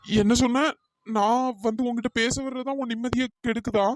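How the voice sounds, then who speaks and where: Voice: mid-range voice, steady tone, moderate pace, no room sound, clean studio sound, natural voice. A performer voicing a persistent young male college student in a cartoon, pleading and apologetic. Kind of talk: cartoon voice acting.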